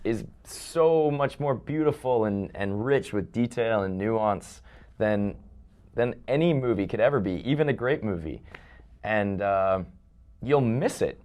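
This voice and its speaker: A man's voice: on the low side, a little mellow. A man who wrote and directed a film, speaking earnestly and reflectively in an interview. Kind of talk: casual interview chat.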